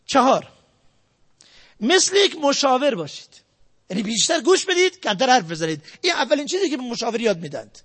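Very high-voiced man giving an emphatic lecture. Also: sing-song, breathy edge. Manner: emphatic, repetitive, talks straight to the audience; swings between loud stresses and quiet asides. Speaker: sales lecturer. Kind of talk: motivational lecture.

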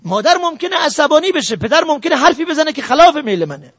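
Brief: male preacher with a very high voice, earnest and exhortative, dry close sound. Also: big pitch swings, fairly bright tone, no room sound. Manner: earnest, exhorting the audience directly. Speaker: religious lecturer. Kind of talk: sermon on family ethics.

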